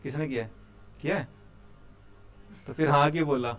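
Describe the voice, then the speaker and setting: A man's voice: fairly high pitch, normal speed, a bit bright. A young man teaching a live coding class, chatty and teasing, quizzing his students as he goes. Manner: chatty, quizzes students, keeps saying "bhai".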